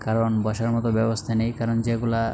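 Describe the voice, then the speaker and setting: A man's voice: medium pitch, completely flat delivery, fast talker. A man, chatting with his mouth full while eating in a restaurant for his food vlog. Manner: talks while eating, repetitive and plain. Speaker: food vlogger. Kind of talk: casual food review vlog. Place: restaurant by a lake. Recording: noisy restaurant ambience.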